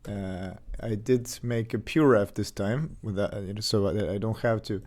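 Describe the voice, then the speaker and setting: A lowish-voiced man livestreams his game dev work, talking unhurriedly and casually with lots of fillers and restarts. He's recovering from an illness and has a slight cough.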